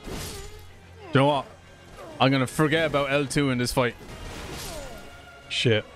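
A man's voice: mid-range voice, fairly even intonation, a little slow. A man in his thirties giving informal live gaming commentary with casual swearing, close on a desk microphone. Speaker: video game streamer. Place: small home streaming room, indoors. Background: game music.

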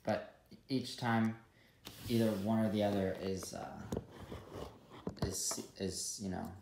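A man's voice: lowish voice, slow pace. A young man casually reviewing a toy set at a table, talking loosely with lots of fillers. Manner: relaxed, many fillers and trailing asides. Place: room at a table with toys. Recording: echoey room with clear background noise.

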